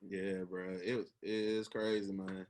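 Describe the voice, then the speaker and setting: With a low, darkish voice, a level tone, and a measured pace, a young Memphis podcast host in his twenties leads a casual chat. His Southern accent comes through as he talks earnestly and encouragingly, using lots of slang.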